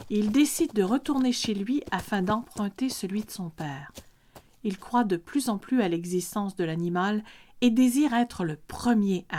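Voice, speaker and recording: A woman's voice: medium pitch, a little mellow. A woman reading a scripted story as a podcast narrator.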